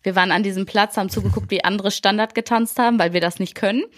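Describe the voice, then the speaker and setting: Chatty woman podcast co-host, laughs a lot, mid pitch, dry close sound. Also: fairly even intonation, racing, no echo. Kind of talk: casual chat. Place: on holiday away from the studio.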